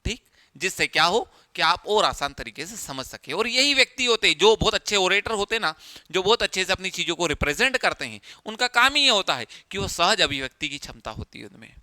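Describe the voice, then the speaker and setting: Bright, crisp-voiced male teacher. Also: sits high, sing-song, a little fast, dry recording. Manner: explains step by step, repeats key phrases, asks rhetorical questions. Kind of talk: exam-prep lecture.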